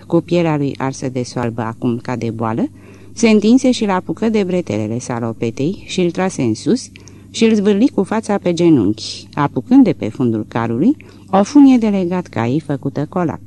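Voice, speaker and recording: Male audiobook narrator, warm, dark tone, lively pitch, reads literary prose with feeling. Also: slight background noise. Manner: expressive, rises and falls with the action.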